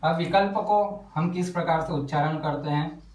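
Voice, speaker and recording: Guy teaching verse syllables, slow and deliberate, kinda high voice, roomy echo, mic set back. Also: a little mellow, recorded from a distance. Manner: slow, spells out syllables while writing. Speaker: Hindi poetry teacher. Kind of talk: whiteboard lesson.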